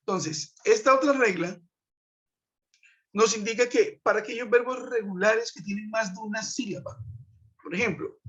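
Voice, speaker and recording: Teaching an English grammar lesson via web conference, a man steps patiently through each rule and checks in with his learners. His voice sits high, a bit bright and slightly rough, heard through a computer mic in dull lo-fi quality.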